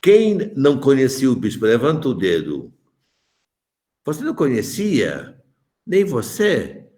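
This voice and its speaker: A man's voice: mid-range voice, huge pitch swings, a little slow, dark tone. A man in his seventies from Malta, a bishop giving a joking, chatty catechesis talk to adults and calling on them by name. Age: 70s.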